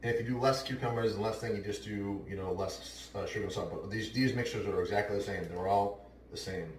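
Casual home-cook host, New man, low voice, off-the-cuff, picked up from across a roomy kitchen. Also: steady tone, a little fast, far from the mic, slight background noise. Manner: chatty, offhand, talks while working. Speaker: home cooking show host. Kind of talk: casual cooking demonstration. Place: large home kitchen, indoors. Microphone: camera mic at a distance, then close to camera. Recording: roomy kitchen sound, heard from afar.

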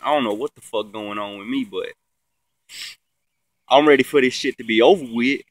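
A young man talks into his phone outdoors with a stuffy nose, sounding a bit sick. His pitch is average for a man. He rambles casually in slang and swears freely, in a laid-back vlog style. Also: moderate pace, dry recording. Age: young adult. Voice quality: stuffy-nosed, congested sound. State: sick with the sniffles. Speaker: vlogger. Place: outdoors in a yard, reclining in a chair. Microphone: phone at arm's length.

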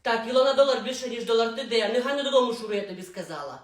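A woman plays a scheming, sharp-tongued middle-aged mother who scolds and orders everyone around. The voice is fairly high and carries a roomy echo. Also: animated, very fast, natural voice. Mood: agitated. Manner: bossy and scolding.

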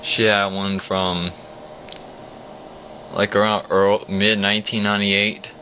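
Talking a little slowly in a deep voice, a young vlogger demonstrates an old computer indoors at his desk. He rambles, restarts his thoughts and explains each click in a casual, unscripted walkthrough. The recording, made with a phone aimed at the screen, is muffled with a steady hum.

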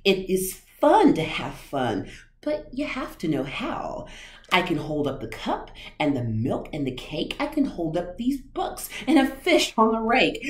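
A woman's voice: mid-range voice, reverberant, pitched above the performer's own voice. A woman voicing a playful, boastful male cat showman in a storybook read-aloud, with a showy, eager, theatrical manner.

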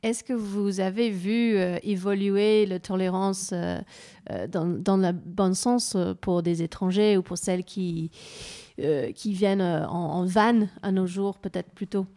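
New Zealand woman, radio host, mellow warm voice, French with her native accent. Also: medium pitch, fairly even intonation, a little slow. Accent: New Zealand, speaking French. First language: English. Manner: searching for words, mixing in English. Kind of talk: radio interview.

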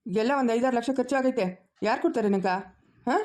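A woman's voice: fairly high pitch, a little fast, darkish tone, close to an everyday voice. A woman playing a greedy, harsh village uncle who nags and scolds. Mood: demanding. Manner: scolding, nagging with repeated "ha?". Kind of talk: family drama acting.

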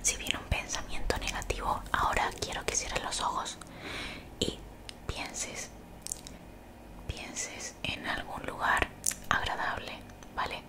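A woman's voice: takes it slowly, pauses often. Young woman whispering close-up ASMR. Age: young adult. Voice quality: breathy unvoiced whisper. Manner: soothing, gently encouraging, repeats phrases. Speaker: ASMR creator. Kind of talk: whispered ASMR personal attention, motivational. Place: small bedroom, indoors. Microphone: desktop condenser mic, very close.

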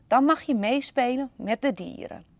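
A woman with a Dutch accent reading a children's picture book aloud slowly, with a playful, lively storytelling manner. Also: sits high, dry recording. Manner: slow, lively storytelling with a wide, playful melody.

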